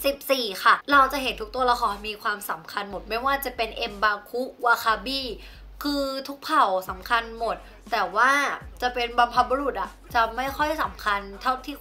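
Bright chatty young woman vlogger. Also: a little high. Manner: chatty, with sentence-final polite particles. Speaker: movie vlogger. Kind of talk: casual movie rundown.

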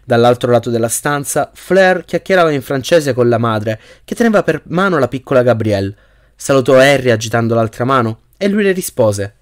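A man narrating an audiobook at a middle pitch. He reads steadily and now and then trips over a word and corrects it. The delivery is plain and even. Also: brisk. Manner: reads steadily with small slips and self-corrections. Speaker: audiobook reader.

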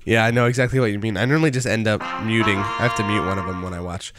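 A young man streaming a video game live, chatting casually, reading chat aloud and breaking into excited outbursts while he plays. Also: fairly low pitch, very fast, music in the background.

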